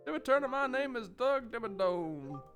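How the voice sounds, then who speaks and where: A man's voice: very high-pitched, sing-song, moderate pace, fairly bright tone, soft background music, pitched above the performer's own voice, full character voice. A man impersonating a blustering rich southern tycoon in a loose Southern accent, rattling off a repeated name in a sing-song. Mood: pompous. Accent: vaguely American Southern.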